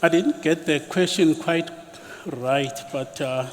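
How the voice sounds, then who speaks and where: A man on a panel, answering questions about financing in a measured, explanatory way. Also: a little high. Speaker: development finance executive on a panel. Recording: echoey conference hall, faint noise.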